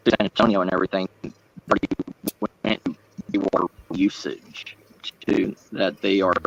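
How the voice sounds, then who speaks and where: Slow gravelly man, call audio breaking up. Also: fairly low pitch, muffled recording, a little hiss or hum. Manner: halting, searching for words. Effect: call audio breaking up from a weak signal. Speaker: guest caller. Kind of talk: casual chat.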